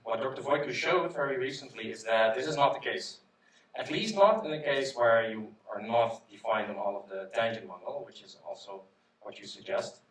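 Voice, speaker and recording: Young male doctoral candidate, formal academic answers, medium pitch, roomy distant sound. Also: normal speed, fairly bright tone. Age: young adult. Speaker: PhD candidate. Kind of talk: formal spoken answer at a thesis defense. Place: university auditorium. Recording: distant mic in echoey hall.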